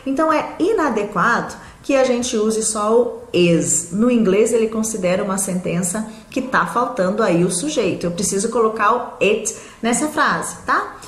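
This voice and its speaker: A woman's voice: mid-range voice, expressive, moderate pace, echoey room. A Brazilian woman with an interior São Paulo accent, teaching a live online English lesson in a patient, explanatory way and checking in often with her viewers. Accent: São Paulo interior Brazilian Portuguese.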